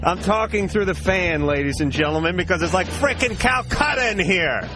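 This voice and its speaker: A man's voice: high-pitched, lively intonation, moderate pace, over music. A man hosting a radio call-in show, talking through a spinning fan that chops up his voice, in sarcastic, wisecracking banter. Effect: voice chopped up by talking into a spinning fan.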